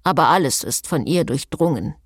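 A woman voicing an ancient, cold and commanding male vampire who speaks slowly and curtly in an audiobook. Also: sits low, animated, no room sound, studio quality. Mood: aloof. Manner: slow, curt and commanding.

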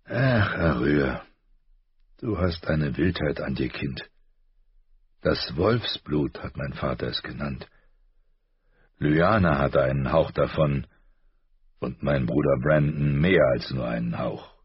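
A man voicing a grave, gentle noble father in an audiobook, slow, soft-spoken and weighty, with a husky voice. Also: rumbling low, no echo, lo-fi sound, full character voice. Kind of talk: audiobook character voice.

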